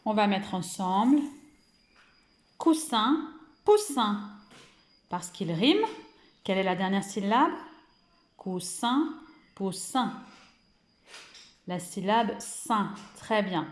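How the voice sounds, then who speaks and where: A woman with a French accent teaches small children over a recording, drawing out every syllable at a very unhurried pace. She praises often and sounds like she is in a roomy, echoing space. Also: mid-range voice, lively intonation. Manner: slow, deliberate, stretches out words and syllables. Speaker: kindergarten teacher. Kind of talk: remote phonics lesson for young children.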